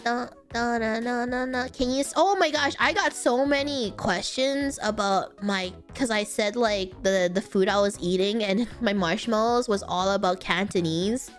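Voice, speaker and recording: A woman's voice: mid-range voice, moderate pace, few pauses, soft background music. A young woman streaming, chatting casually with lots of fillers, giggles and restarts.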